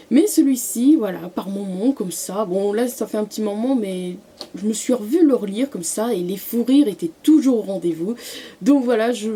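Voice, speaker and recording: A young woman talks through her favourite books in a relaxed vlog. Her voice is mellow and a little husky. She hesitates a lot, restarting sentences and filling pauses as she goes. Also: mid-range voice. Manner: hesitant, many fillers and restarts. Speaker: book vlogger. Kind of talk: casual book review vlog.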